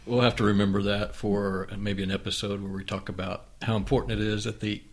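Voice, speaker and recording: A man hosting a conversation with his wife, reflective and unhurried, with frequent restarts. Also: on the low side, little pitch movement. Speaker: podcast host and author.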